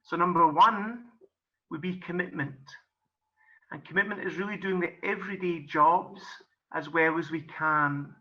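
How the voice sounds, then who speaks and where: Speaking unhurriedly in a slightly high, bright and forceful voice, a middle-aged golf and business coach from Scotland presents a webinar. His friendly explanations lean on "kind of" and "um," and the lo-fi recording sounds muffled.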